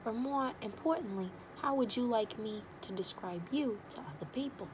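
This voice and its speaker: A woman's voice: on the high side, moderate pace, voice pushed up, close to an everyday voice. Lady doing a nosy wisecracking matchmaker, ASMR role-play, thick hammy regional accent, teasing, noisy ambience behind her. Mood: blunt, teasing. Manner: blunt, familiar, teasing. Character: blunt, nosy, wisecracking female matchmaker with sales patter.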